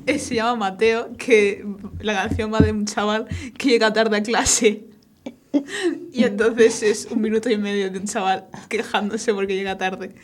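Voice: mid-range voice, flat delivery, measured pace. A speaker from rambles through a slangy radio chat. The delivery is giggly and loose, with a faint hiss in the background. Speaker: radio show co-host.

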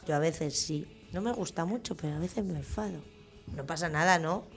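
A woman's voice: low-pitched, normal speed, creaky, faint music behind. Patient woman coaxing small children. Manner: patient, coaxing, asks many questions. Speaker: teacher hosting a children's school radio show. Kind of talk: gentle questioning talk with small children.

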